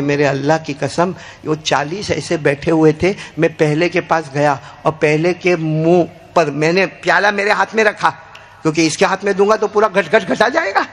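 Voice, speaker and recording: A male preacher, telling a story in an animated, dramatic sermon style with shouted peaks. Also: sits high.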